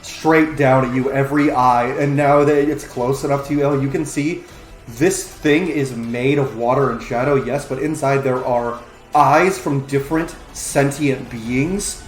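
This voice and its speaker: A man's voice: medium pitch, unhurried. Male game master in a roomy space. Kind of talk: narrating a tabletop role-playing game. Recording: roomy echo, faint music underneath. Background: faint background music.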